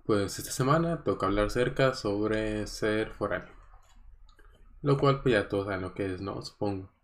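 A man's voice: lowish voice, moderate pace. A man from Mexico with a Mexican Spanish accent, hosting a casual solo podcast, rambling and chatty with many fillers and chuckles. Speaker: podcast host.

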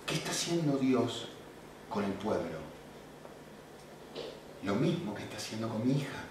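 A man preaching a sermon as pastor, swinging from loud emphasis to quiet storytelling. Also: fairly low pitch, sing-song, unhurried. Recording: echoey room from far off, faint noise.

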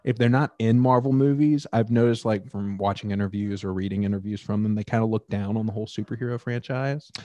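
A man's voice: fairly low pitch, fairly even intonation, fast, hardly any pauses, dark tone, highs cut off. A man co-hosting a podcast in casual chat, joking and double-checking facts. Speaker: podcast co-host.

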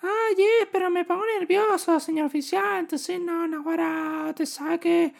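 A man with a Venezuelan Spanish accent voicing a nervous, timid male traveler who pleads with an officer in a high, shaky voice. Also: steady tone, unhurried, gravelly, exaggerated voice. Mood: nervous pleading.

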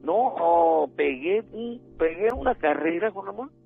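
A man's voice: fairly high pitch, lively intonation, unhurried, gravelly. A middle-aged man with a Mexican accent, calling in to a radio show and telling a ghost story in a rambling, hesitant way. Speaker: radio caller. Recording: tinny phone line with music.

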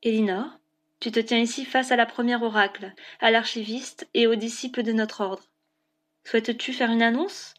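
Woman playing a calm, measured oracle elder. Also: on the high side, natural voice. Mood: probing. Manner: slow, measured and gently probing.

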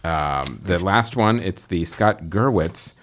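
A man's voice: deep voice, lively intonation, slow pace. A man hosting a film podcast, casually reading out listener promos with small fillers and chuckles. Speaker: podcast host.

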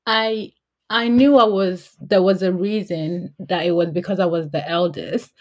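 A woman from Gambia co-hosts a casual podcast chat, laughing easily and often quoting herself. She has a London English accent with a faint Yorkshire trace. Her voice is lowish and unhurried, with fairly even intonation.

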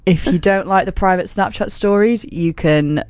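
A woman's voice: medium pitch, normal speed, a little mellow, clear, resonant tone, dry recording. A young woman co-hosting a casual podcast, chatting loosely with lots of "like" and the odd swear. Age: young adult. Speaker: podcast co-host. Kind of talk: casual chat.

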